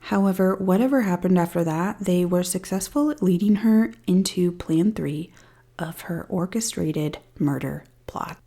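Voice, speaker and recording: A woman's voice: on the low side, normal speed, hardly any pauses, mellow. A woman hosting a true crime podcast, retelling a case with dry, sarcastic asides. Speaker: podcast host. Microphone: studio-style podcast mic.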